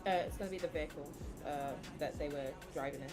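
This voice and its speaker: A woman playing a prosecutor in a courtroom role-play, polite and apologetic, speaking in a halting way. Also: low-pitched, close to an everyday voice. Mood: polite, focused. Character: polite female prosecutor questioning a witness. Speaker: role-player. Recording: music behind the voice. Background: music.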